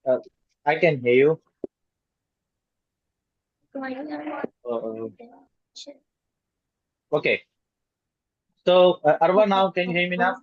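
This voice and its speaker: A man teaching an online class whose voice glitches and breaks up over a slow connection, halting and repeating himself as he checks whether students hear him. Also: high-pitched, big pitch swings, dry recording. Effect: glitching, breaking-up audio from a slow internet connection. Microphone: computer or phone on a video call. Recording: dull lo-fi video call audio.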